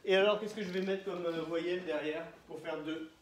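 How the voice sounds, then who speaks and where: Patient teacher sounding out syllables. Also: female voice, fairly low pitch, fairly even intonation, a little fast, recorded from a distance. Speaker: primary school teacher. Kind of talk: classroom lesson for young children. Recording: echoey room, faint noise.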